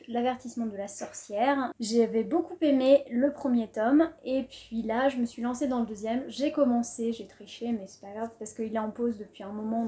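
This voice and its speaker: A woman's voice: fairly high pitch, mellow. A young woman from France chatting casually about books on her video channel, with frequent fillers and little laughs. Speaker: booktuber presenting her reading list. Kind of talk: casual vlog chat.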